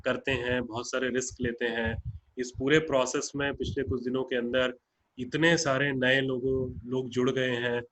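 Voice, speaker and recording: A man's voice: medium pitch, flat delivery, moderate pace, fairly bright tone, rough recording. A man with an Indian accent speaks to partner groups in an online webinar, earnest and plain-spoken, slipping English phrases into his talk. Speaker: founder addressing partner groups. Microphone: video call.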